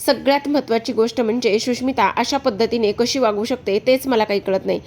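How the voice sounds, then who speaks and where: A woman's voice: on the high side, steady tone, a little fast, darkish tone. Give me a lecturing, caring young elder sister, read by a woman. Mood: troubled. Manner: lecturing, pleading.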